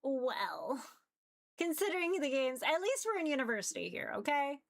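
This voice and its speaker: A woman streaming visual novels chats casually with her viewers, informal, rambling, and giggly. Her voice is high and very animated, moving at a moderate pace.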